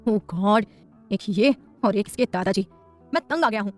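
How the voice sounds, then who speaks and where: A woman's voice: on the high side, very fast, darkish tone, soft background music, close to an everyday voice. A woman voicing a stern, irritable young husband who speaks curtly and grumbles. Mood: grumbling. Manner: curt, grumbling.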